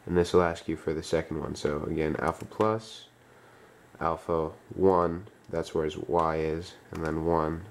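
A man giving a step-by-step tutorial, dictating instructions in short, clipped fragments with pauses between them. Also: extremely low pitch, steady tone. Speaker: tutorial presenter.

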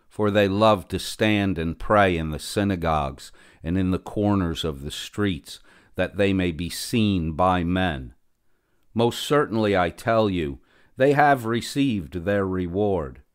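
Male scripture reader, deep low voice, unhurried and solemn. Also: animated. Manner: measured, solemn reading with long pauses. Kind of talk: slow scripted Bible reading.

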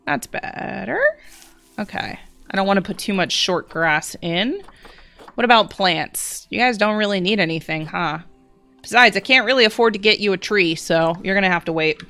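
A young woman giving casual let's play commentary, chatty and prone to excited gasps, talking to the animals in her game. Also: mid-range voice, normal speed, gravelly, faint music behind.

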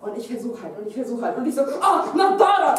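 Young woman, high voice, improvised comic monologue, laughs through it, echoey room heard from far off. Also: very fast. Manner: lively, laughing through her story. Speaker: student storyteller. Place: classroom stage.

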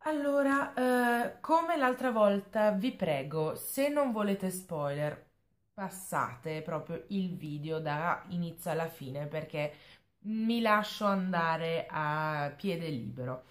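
A woman's voice: fairly low pitch, lively intonation, takes it slowly, roomy sound. A young woman casually reviewing a book she disliked, retelling it with sarcasm and exasperation.

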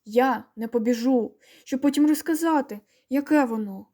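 A woman voicing an excitable, bold village boy who shouts in a shrill, squealing voice in a storybook reading. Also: normal speed. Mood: defiant shouting.

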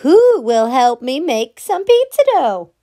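A woman voicing a bright, fussy little female hen in a read-aloud storybook, calling out in a high, emphatic voice. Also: big pitch swings, slow, exaggerated voice. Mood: chirpy, asking.

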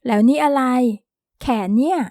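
A woman voicing a chatty, excitable teenage girl who talks loudly and fast in an audio novel. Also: high voice, no echo, studio quality. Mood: excited. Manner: talkative, loud and bubbly.

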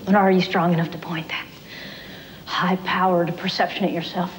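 A woman's voice: fairly low pitch, flat delivery, normal speed, in a large hall, close to an everyday voice, low-quality recording. An actress playing an earnest young female FBI trainee in a film, speaking in a tense, probing, defensive way. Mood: defiant. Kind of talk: film drama acting.

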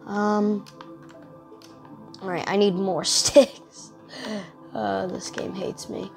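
Slow, gravelly-voiced tired woman gamer. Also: medium pitch, little pitch movement, darkish tone, faint music behind. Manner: rambling, thinking aloud, self-mocking. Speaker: gaming channel host. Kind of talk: casual let's-play commentary.

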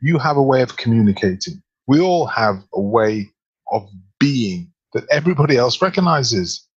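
A man co-hosting a podcast as a speaking coach, talking in an animated, emphatic way with lots of rhetorical questions. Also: mid-range voice, moderate pace, breathy edge, lo-fi sound. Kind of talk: casual podcast chat.

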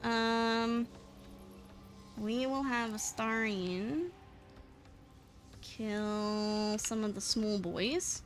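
Woman game streamer, slightly high voice, playful and chatty with casual swearing, game music underneath. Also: drawn-out words, pauses often. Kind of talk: live gameplay commentary.

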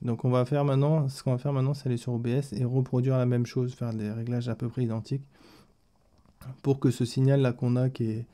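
Dark-voiced man explaining a software tutorial. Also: medium pitch. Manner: explains step by step, addresses the listener as "tu". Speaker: streaming tutorial host. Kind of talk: screen-recorded software tutorial.

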